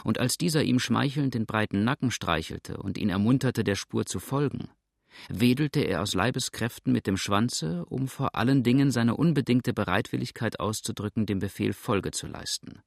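Man narrating with a gravelly voice. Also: mid-range voice, moderate pace, dry recording, studio quality. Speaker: audiobook narrator. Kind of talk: scripted narration.

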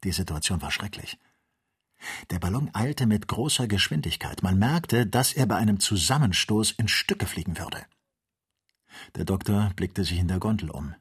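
A male narrator reading an audiobook in a measured, even way. His voice is low and slightly husky, and the delivery stays steady. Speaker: audiobook reader.

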